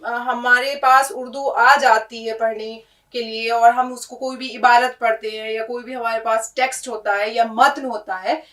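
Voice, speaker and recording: Her voice high and fairly bright, the Urdu teacher guides students through letters one by one, patiently repeating explanations and often asking "है ना?". It's recorded from a distance in a room with echo.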